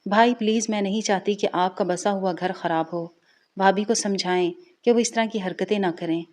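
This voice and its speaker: A woman voicing a scheming young sister-in-law in a spoken story, loud and accusing. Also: mid-range voice, fairly even intonation, natural voice.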